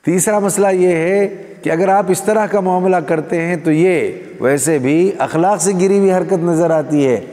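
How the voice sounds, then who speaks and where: A man's voice: high voice, hardly any pauses, dark tone. Preacher man in a reverberant hall. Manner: rhetorical questions, addresses the audience directly. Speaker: Islamic preacher. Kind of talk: sermon to a live gathering. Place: gathering hall.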